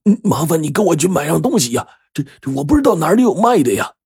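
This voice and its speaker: A man's voice: a little high, big pitch swings, fast, darkish tone, slightly rough, no echo, studio quality, pitched above the performer's own voice, exaggerated voice. A man voicing an anxious, simple-minded village man who stammers and pleads earnestly in an audiobook. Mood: pleading. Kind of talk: audiobook character voice.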